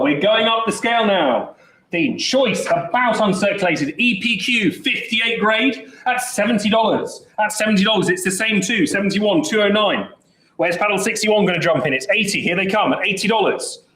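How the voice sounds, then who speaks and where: A man calls bids in a high, lively voice, keeping up a brisk, joking patter. He sounds like a working auctioneer at a live sale. The recording is roomy, with clear echo from the saleroom. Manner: brisk, chatty bid-calling with jokes.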